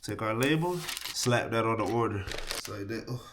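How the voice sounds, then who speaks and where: A man's voice: on the low side, expressive, moderate pace, noisy background. A young man from Miami vlogging casually from his home office, congested and nasal from a cold, talking in laid-back slang with motivational asides. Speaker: clothing brand co-owner. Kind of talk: casual vlog talk to camera.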